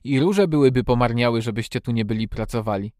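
A man's voice: medium pitch, fast talker, darkish tone, no room sound, studio quality, natural voice. A man doing a plain-spoken country lad. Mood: sure.

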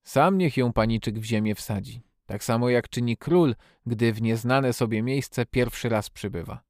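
A man doing a gruff old gardener, slow and stubborn. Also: mid-range voice, darkish tone, no echo, studio quality, lightly acted. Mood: delighted.

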